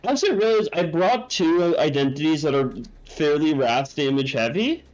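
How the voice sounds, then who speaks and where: A man's voice: fairly high pitch, expressive, normal speed, a little mellow. A man giving casual, offhand commentary while playing a game, heard on muffled audio with faint game music. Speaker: let's play host.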